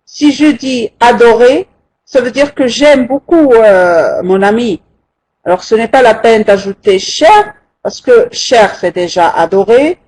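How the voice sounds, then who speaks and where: A language teacher leads a live online class at a very unhurried pace. The delivery is patient and halting, full of hesitations, and the teacher counts syllables out slowly and deliberately. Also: mid-range voice, lively intonation, a little mellow. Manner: slow, patient, with frequent hesitations. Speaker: French teacher.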